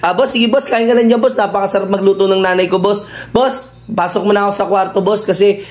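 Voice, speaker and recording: A man's voice: high-pitched, fairly even intonation, brisk. A man acting, saying "boss" in nearly every line, mock-polite and then swearing. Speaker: comedy skit creator. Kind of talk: comedic skit acting.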